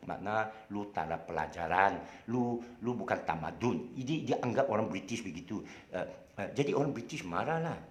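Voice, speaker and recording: Rambling Malaysian man in an echoey room. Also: medium pitch. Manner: rambling, heavy on "ah" fillers, colloquial. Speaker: lecturer. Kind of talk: casual history talk. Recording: roomy echo.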